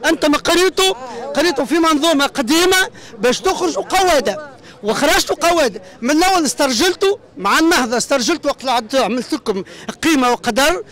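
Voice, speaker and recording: A man's voice: very high voice, fairly bright tone. A man with a Tunisian accent arguing politics in a heated street debate, repeating himself and cutting the others off. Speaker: interviewee. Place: outdoors in a city street.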